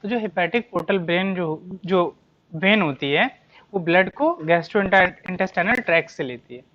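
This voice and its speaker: A biology teacher giving an exam-prep lecture, asking rhetorical questions and answering them, repeating key terms and reading questions out slowly. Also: mid-range voice, expressive, lo-fi sound. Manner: reads English questions slowly, explains in Hindi.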